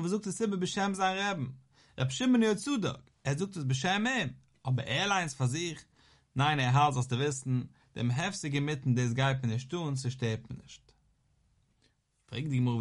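Guy going over talmud, kinda high voice, singsong study chant. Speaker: Talmud teacher. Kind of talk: Talmud lesson.

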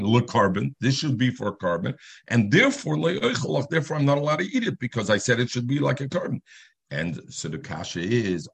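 A man's voice: mid-range voice, creaky, breathy edge. A man teaching a Talmud lesson in a sing-song learning cadence, weaving Hebrew and Aramaic terms into his English explanation.

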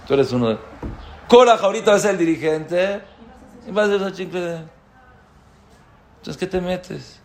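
A man's voice: sits high, moderate pace, pauses often, slight background noise, voice pushed up. Shrewd wife talking sense to her husband, a bit raised, a man voicing her. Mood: reasoning.

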